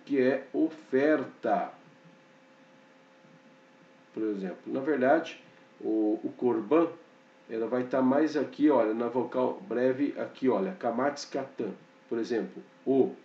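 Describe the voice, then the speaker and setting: A man teaching a slow, explanatory grammar lesson, pointing things out on a board and checking in often with short fillers. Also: mid-range voice, distant mic. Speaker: Hebrew teacher. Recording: dull, echoey room, off-mic.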